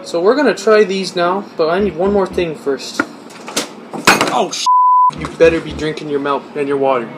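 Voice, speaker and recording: High-voiced young man, joking vlog. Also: fairly even intonation, moderate pace, heavy background noise. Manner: joking, self-mocking. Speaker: YouTuber. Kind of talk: casual cooking vlog. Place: home kitchen. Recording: music playing underneath.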